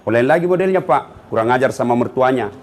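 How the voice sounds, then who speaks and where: A man's voice: mid-range voice, a little fast, slight background noise. A middle-aged man, giving a comedic sermon and teasing the congregation by calling out to them. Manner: animated, teasing, calls out to the audience. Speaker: preacher.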